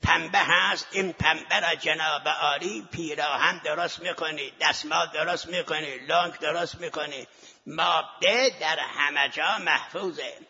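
A man with a slightly high, bright voice speaks forcefully, a bit of roughness in it. He lectures seminary students in a scholarly way, pressing his argument and throwing rhetorical questions at the class. The lo-fi recording carries a long hall reverb.

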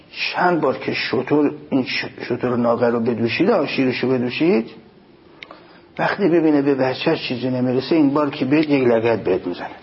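A man preaching a religious sermon, reciting Arabic passages and explaining them in Persian, rising emphatically on key points. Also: fairly high pitch. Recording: dull lo-fi recording, faint noise.

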